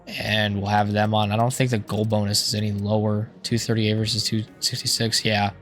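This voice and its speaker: A man with a hoarse, strained voice giving casual, rambling gameplay commentary, thinking aloud in an informal way. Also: fairly low pitch, flat delivery, moderate pace, fairly bright tone, faint music behind. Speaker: gaming YouTuber.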